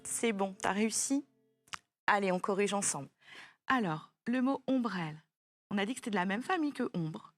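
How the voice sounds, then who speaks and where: A woman's voice: mid-range voice, animated, moderate pace, soft background music. A woman teaching a child French spelling, patiently spelling words out letter by letter.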